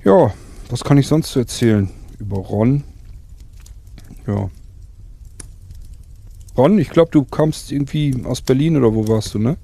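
Gravelly, husky man, low and dark, rambling enthusiastic host for survival role-play. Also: lively intonation, measured pace, long pauses. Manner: rambling, enthusiastic, many fillers.

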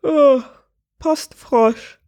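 A woman's voice: mid-range voice, lively intonation, normal speed, a little mellow, lo-fi sound. A woman voicing a young princess in a storybook reading, with an earnest, determined manner. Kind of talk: storybook character voice.

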